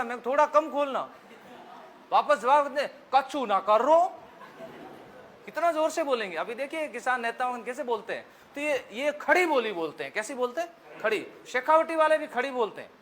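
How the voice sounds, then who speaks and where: A high-voiced man with a Rajasthani accent teaching history for competitive exams. His bright, ringing tone carries homely jokes and quick questions that he answers himself. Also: slight background noise. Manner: folksy, joking, asks the class questions and answers them himself. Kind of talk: exam-prep history lesson.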